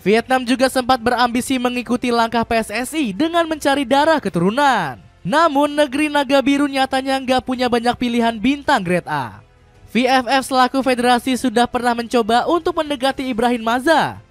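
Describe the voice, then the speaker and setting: A woman narrating scripted football news as a voice-over, in a steady read-aloud delivery that drops in pitch at sentence ends. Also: fairly quick, dry recording, faint music behind.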